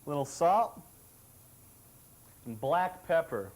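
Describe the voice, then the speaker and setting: A man's voice: a little high, big pitch swings, slow pace, a little mellow. A man co-hosting a cooking demonstration on an old TV show, chatty and jokey, pleased with his own dishes. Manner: jokey, chatty, self-satisfied.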